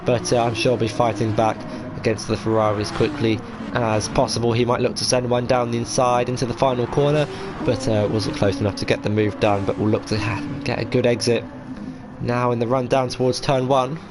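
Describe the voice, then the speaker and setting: A man's voice: mid-range voice, steady tone, fairly quick, background noise. A man giving live motorsport commentary on a sim race, hesitant and full of fillers as he follows each move.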